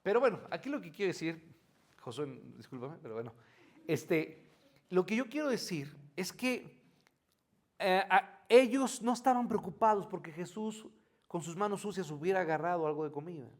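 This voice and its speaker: A man's voice: high-pitched, expressive, normal speed. A man preaching a morning church sermon in a conversational teaching style, often asking the congregation questions and answering them himself, with homely asides.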